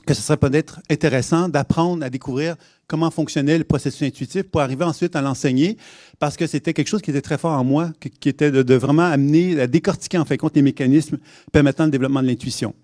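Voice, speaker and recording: A man with a Québécois French accent speaks at a conference. He explains things at length, often pausing on fillers and starting his sentences over. His voice sits a little high and the sound is close and dry. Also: a little mellow, dry recording. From Quebec. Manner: hesitant, many restarts and fillers. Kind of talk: public lecture. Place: conference hall.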